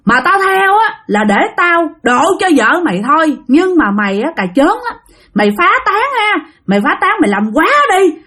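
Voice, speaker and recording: A woman voicing a hoarse, threatening ghost that has possessed a wife, talking fast and taunting. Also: high voice, big pitch swings, fairly bright tone, pitched above the performer's own voice. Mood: menacing. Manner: rapid, raised and taunting.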